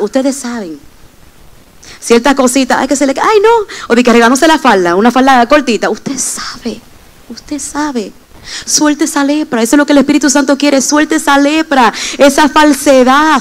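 A woman's voice: high-pitched, low-quality recording. A young adult woman preaching a sermon and giving personal testimony, speaking emphatically and addressing the congregation directly.

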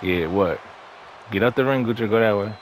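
A man's voice: on the low side, fairly quick, a little hiss or hum, low-quality recording. A man hosting a gaming video with casual commentary, repeating his phrases as he trash-talks the game.

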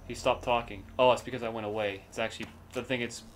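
A man's voice: medium pitch, fairly even intonation, quick pace, a little hiss or hum. A man chatting casually and playfully in slang as he plays a video game and comments on it. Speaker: gamer playing and commenting. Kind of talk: casual gameplay banter.

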